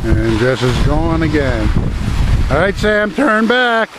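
A woman's voice: low-pitched, sing-song, slow pace. A woman filming her children on an outdoor ski slope with a handheld camera while skiing, calling encouragement and narrating casually. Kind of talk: casual home-video narration. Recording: loud wind noise on camera mic. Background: wind noise.

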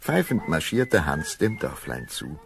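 Speaking straight to his audience, a man narrates a scripted fairy tale in a very deep, gravelly voice. His storytelling is unhurried and full of expression.

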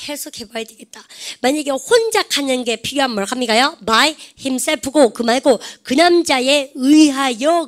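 A woman teaching an English grammar lecture, quizzing her class with lively rhetorical questions. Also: sits high.

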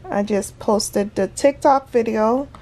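A woman's voice: on the high side, slow pace, warm tone. Chatty woman vlogging her day. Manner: chatty and informal, talking straight to viewers. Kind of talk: casual day-in-the-life vlog chat.

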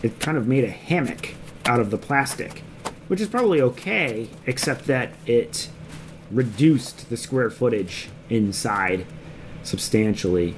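With an animated, mid-range voice and a measured pace, a man in his thirties narrates a homestead how-to vlog from a basement workshop. He's easygoing and tends to ramble, saying um often. An action camera on his body picks up the noisy basement, with chickens clucking and chicks cheeping.

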